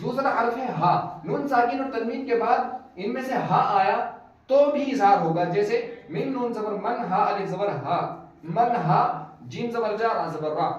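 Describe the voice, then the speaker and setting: High-voiced man teaching in an echoey room. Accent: Pakistani Urdu. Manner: patient, repeats and spells out letters slowly. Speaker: online Quran tutor. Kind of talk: tajweed lesson explaining rules with recited examples. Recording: echoey, distant, dull lo-fi sound.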